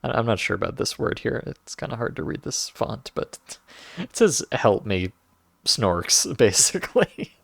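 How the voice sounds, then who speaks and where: A man's voice: mid-range voice, very animated, normal speed, gravelly, breathy edge. A man streaming a game, giving casual, joking commentary with wry asides and frequent laughter. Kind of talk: let's-play commentary.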